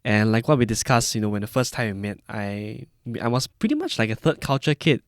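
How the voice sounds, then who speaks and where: Big pitch swings mark this fairly low male voice, which runs at a fairly quick pace. The studio-quality recording has no echo. He's in his early twenties, has a Malaysian-Singaporean accent, and shares personal stories as a guest on a podcast.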